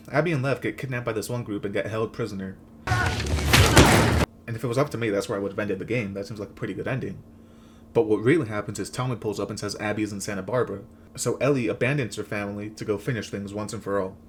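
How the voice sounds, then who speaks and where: Fast-talking man on a sarcastic comedy rant. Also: on the low side, slight background noise. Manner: sarcastic, crude, slangy joking. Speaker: host. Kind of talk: comedic rant recap of a video game, scripted narration.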